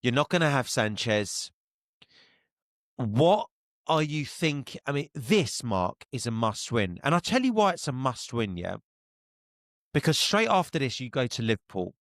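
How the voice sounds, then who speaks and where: A young man hosting a casual football chat, blunt and opinionated, quick to laugh. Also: mid-range voice, big pitch swings, a bit bright, no echo, studio quality. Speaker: podcast host.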